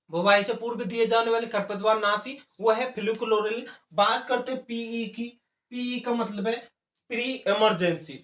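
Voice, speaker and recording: High-voiced man teaching in an echoey room. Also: fairly bright tone. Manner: repeats key terms slowly for note-taking. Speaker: agriculture exam teacher. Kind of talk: classroom lecture dictating notes.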